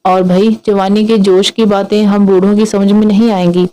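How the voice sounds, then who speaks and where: A woman's voice: mid-range voice, level tone, moderate pace, warm tone, natural voice, low-quality recording. A woman voicing a good-humored, teasing middle-aged father in a read-aloud story.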